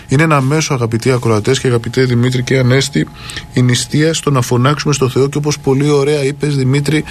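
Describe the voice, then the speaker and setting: An earnest man talks through scripture on a radio discussion, pausing now and then with small fillers before quoting long passages. His pitch sits at an ordinary middle level. A faint noise runs under his voice. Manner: earnest explaining, many hesitation fillers; quotes scripture aloud at length. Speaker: radio Bible discussion speaker.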